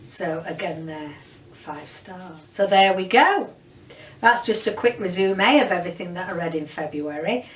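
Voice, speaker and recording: A book vlogger with a Yorkshire accent rambles through a casual monthly book wrap-up, her low-leaning voice thick with filler words. She's at home, shelves of books behind her. The audio feels roomy, with a distant mic and a faint hiss underneath.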